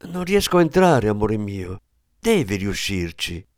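A man voicing the ghost of a young woman, speaking softly and gently, in a dry close recording. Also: on the low side, sing-song, unhurried, no echo. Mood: pleading.

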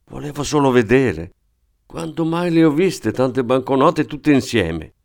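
A man reading aloud and voicing an eager, clumsy small-time thief with a wheedling, excitable manner. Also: mid-range voice, a little slow, vocal fry, pitched above the performer's own voice. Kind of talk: audiobook character voice.

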